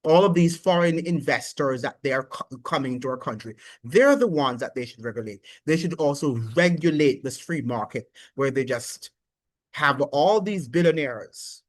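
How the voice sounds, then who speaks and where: A man giving opinionated political commentary in an animated, preachy way, with halting restarts. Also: medium pitch, dry recording.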